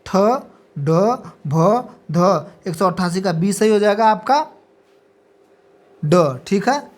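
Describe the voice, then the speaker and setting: This woman teacher has a medium-pitched, darkish voice with lively intonation and a slow delivery. Giving an exam practice lecture, she reads multiple-choice questions and their options, then briefly confirms each answer with a repeated "ठीक है".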